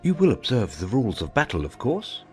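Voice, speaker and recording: A man voicing a gentle, eccentric knight in a storybook audiobook, earnest and friendly, with a husky voice. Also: medium pitch, huge pitch swings, a little fast, faint music behind. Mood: polite, firm. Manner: friendly, earnest, swooping intonation.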